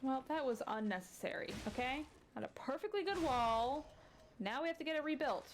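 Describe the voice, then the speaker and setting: A woman with a fairly high, lively voice talks briskly while hosting a let's play, drifting into rambling asides and yelping when startled. It's casual gaming chat with game music playing underneath, plus a slight hiss or hum.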